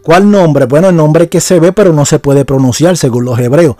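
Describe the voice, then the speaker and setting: A man's voice: on the high side, normal speed, mellow, no room sound, studio quality. A man giving an unscripted Bible lesson on a podcast. He talks hesitantly, with many fillers and restarts, and keeps checking that his listeners follow. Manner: keeps asking for agreement. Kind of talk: unscripted teaching talk.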